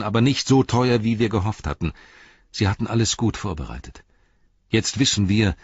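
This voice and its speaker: A man voicing an alarmed messenger rider in an audiobook, speaking in a hurried, raised, pressing way. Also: lowish voice, husky, no echo, pitched above the performer's own voice. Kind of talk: audiobook character reading. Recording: dull, slightly lo-fi dry recording.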